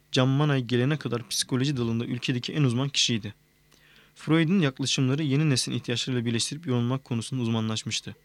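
Male audiobook narrator, measured delivery, mid-pitched voice, dry close recording. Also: no echo. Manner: even, measured reading. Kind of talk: scripted narration.

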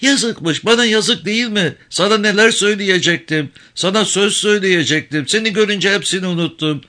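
A man's voice: high voice, moderate pace, sharp tone, voice pushed up. A man reading aloud, voicing a worn-out, tearful old village mother with a plaintive lament.

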